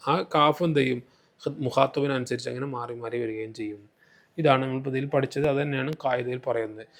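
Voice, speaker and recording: Man explaining grammar step by step. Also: fairly high pitch. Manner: explains step by step, slowing down to spell out Arabic terms. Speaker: Arabic grammar tutor. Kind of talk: recorded lesson explanation.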